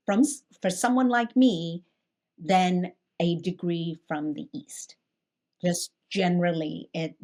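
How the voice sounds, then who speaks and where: Reflective woman pastor thinking aloud. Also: lowish voice. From Hong Kong. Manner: reflective, thinks aloud with restarts and animated asides. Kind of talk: conversational Bible discussion.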